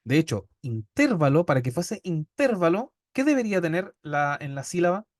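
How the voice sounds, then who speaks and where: Patient Chilean teacher, higher voice. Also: male voice, sing-song, fairly quick, no echo, studio quality. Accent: Chilean Spanish. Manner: patient, checks in constantly with "¿ya?". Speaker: statistics teacher. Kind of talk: classroom lecture. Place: classroom.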